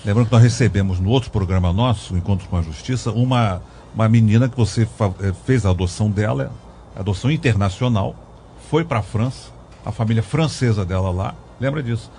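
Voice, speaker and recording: A man's voice: on the low side, fairly quick, mellow, a little hiss or hum. A man co-hosting a talk show, chatting casually and adding reminders and asides. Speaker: co-host. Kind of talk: casual chat.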